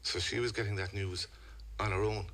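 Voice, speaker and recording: A middle-aged man with a west of Ireland accent, giving a personal account in a radio interview in measured, halting phrases. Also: fairly low pitch, fairly even intonation, fairly bright tone. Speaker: interview guest, a father telling a family story.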